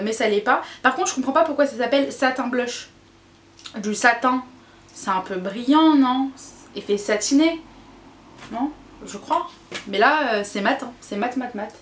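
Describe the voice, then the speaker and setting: Casual woman vlogger chatting about makeup, kinda high voice, roomy echo, lots of euh and oh là là. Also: normal speed. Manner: chatty and candid, with frequent fillers and groaning exclamations. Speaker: beauty vlogger. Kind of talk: casual makeup review chat. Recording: echoey room, faint noise.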